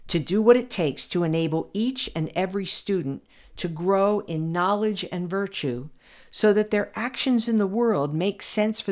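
Reading an essay she wrote herself, this older American woman delivers podcast commentary at a fairly low pitch. Her tone is earnest and deliberate, and she stresses her key arguments firmly.

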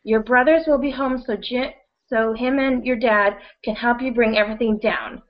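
A woman's voice: a little high, steady tone, normal speed, muffled recording, lightly acted. A middle-aged woman acting an insistent, patronizing mother in an audio drama. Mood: pushy. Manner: pushy, patronizing.

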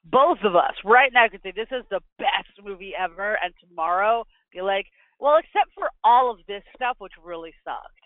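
A woman in her forties co-hosting a podcast in animated casual chat, laughing often, recorded with fuzzy distortion on a non-professional microphone. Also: mid-range voice, normal speed, no room sound, phone-quality sound. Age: 40s. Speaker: podcast co-host.

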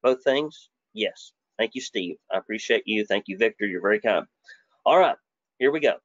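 A man's voice: lowish voice, expressive, normal speed, fairly bright tone, dry recording. A man, giving a live webinar presentation in a folksy, joking, conversational way. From Alabama, US. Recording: dry, dull lo-fi webinar audio.

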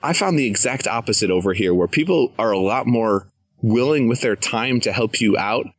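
A young man hosts a podcast with an enthusiastic, upbeat delivery, eager to give advice. His voice is a bit husky and breathy, and the recording sounds dry and close. He speaks at an ordinary middle pitch. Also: expressive, normal speed, no echo. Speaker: podcast host. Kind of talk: casual interview. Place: living in Thailand, jungle sounds around.

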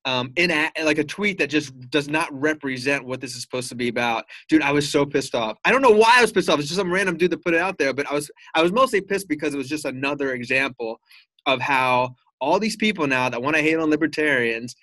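Fired-up, bright-voiced podcast host man. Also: a little high, fairly quick, no echo. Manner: heated, profane, rambling with many restarts. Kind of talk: casual political podcast chat.

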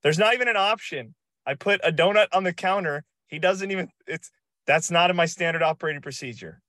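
A man's voice: fairly high pitch, fairly quick, pushed and bright, dry recording. A man hosting a podcast over a video call, talking in a hyped, emphatic and slangy way. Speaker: podcast host. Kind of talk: energetic casual chat.

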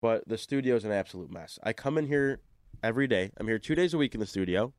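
Hosting a casual sports talk radio show, a young American man talks fast and animatedly in a fairly low voice, chatty and self-deprecating. He sounds stuffy and congested, like his nose is plugged. A desk studio microphone in a radio studio gives studio-quality sound with no room sound.

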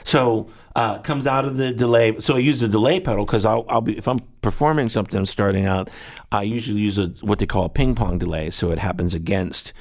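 Man, very deep voice, guest musician, rambling, technical, sounds out rhythms. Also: a little fast. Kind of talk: detailed gear explanation.

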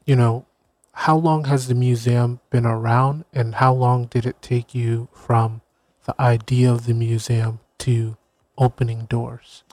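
A man's voice: mid-range voice, flat delivery, a little slow, darkish tone, no echo. A man hosting a community radio interview show, who often stumbles and affirms his guest with short interjections. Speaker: radio host.

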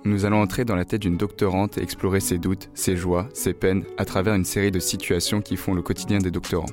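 Deep-voiced man narrating over music. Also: flat delivery, brisk. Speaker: radio narrator. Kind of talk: scripted narration.

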